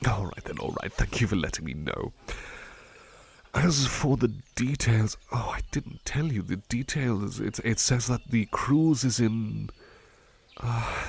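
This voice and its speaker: A man gives a full character performance as a doting, flustered butler in an ASMR roleplay of gentle personal attention. His voice sits on the low side, gravelly and slightly rough, and he speaks tenderly and politely, stammering hesitantly.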